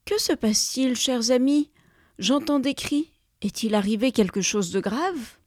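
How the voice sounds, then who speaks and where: A woman's voice: fairly high pitch, expressive, measured pace, no room sound, clean studio sound, voice pushed up. A woman doing a sly neighbor faking fury. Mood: innocent. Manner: mock-outraged, shouting.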